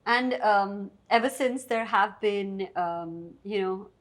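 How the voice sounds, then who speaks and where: A woman hosting a relaxed interview. She keeps nodding along with her guest in words and eases into each question with small hesitations. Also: mid-range voice, slow. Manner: warmly affirming, frequent "yeah" and "um". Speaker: host. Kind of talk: conversational interview.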